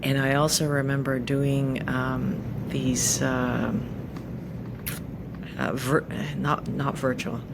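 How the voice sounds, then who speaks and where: A middle-aged woman from Japan, answering interview questions thoughtfully with pauses and fillers. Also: extremely low pitch, flat delivery, vocal fry, very noisy. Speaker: podcast guest.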